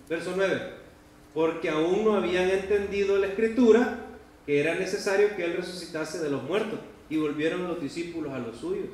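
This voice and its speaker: A man's voice: a little high, a little mellow. A man pastor giving a sermon in a church hall, emphatic and full of rhetorical questions to the congregation. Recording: very echoey hall, distant mic, faint noise.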